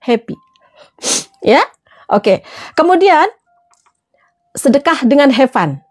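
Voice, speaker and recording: High-voiced chatty woman trainer laughing. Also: very animated, slow. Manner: chatty, laughs often, answers viewer comments. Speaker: motivational trainer. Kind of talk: casual motivational talk to followers.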